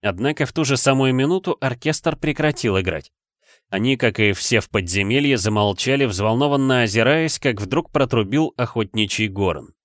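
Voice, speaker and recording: A man narrating an audiobook in an even storytelling manner on a close microphone. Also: mid-range voice, moderate pace, no echo. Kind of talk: scripted narration.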